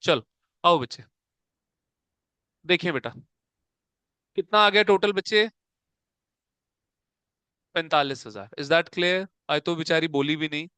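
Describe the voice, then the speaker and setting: A man lectures in a classroom, his voice high and bright with a crisp, clean edge. He coaxes the students along and keeps asking if they follow. The sound is dry and close. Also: slow, long pauses, dry recording. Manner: coaxing, calls students "beta", keeps asking if it is clear. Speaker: accounts teacher.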